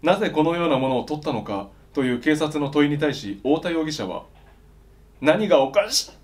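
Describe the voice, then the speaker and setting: Young guy doing a formal news anchor read, bit high voice, polite and measured. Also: expressive. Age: young adult. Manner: polite, measured newsreader delivery. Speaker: newscaster in a parody news show. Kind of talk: formal scripted news reading.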